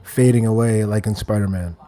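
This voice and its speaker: A man's voice: fairly low pitch, fairly even intonation, brisk, mellow. A man from the American Midwest hosting a casual livestream from a kitchen, reading viewer comments aloud and answering them in a laid-back way. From Wheaton, Illinois, USA. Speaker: livestream host. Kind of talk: casual livestream chat while cooking. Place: kitchen, indoors.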